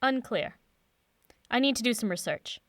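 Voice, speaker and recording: A woman acting a brisk, confident professor and mentor in an audio drama, assured and instructive. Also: a little high, lively intonation, no room sound, studio quality, lightly acted. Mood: brisk, urgent.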